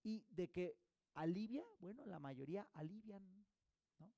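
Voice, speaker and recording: A man delivers a course lesson in a gravelly, mellow voice pitched a little high. He explains ideas by posing rhetorical questions and checking in with his listeners. The sound is dry and close. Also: lively intonation, measured pace, no room sound. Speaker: holistic therapy instructor. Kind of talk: recorded course lecture.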